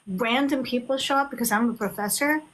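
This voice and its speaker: A woman in her fifties, an author, chatting loudly and effusively on a live stream. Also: fairly high pitch, a little fast. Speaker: author guest. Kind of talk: casual live-stream chat.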